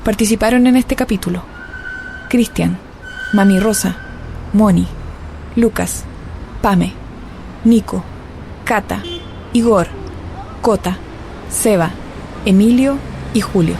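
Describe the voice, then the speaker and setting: Earnest Chilean woman narrating, mellow tone. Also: mid-range voice, takes it slowly, long pauses, a little hiss or hum. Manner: earnest, rallying. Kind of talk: scripted documentary narration.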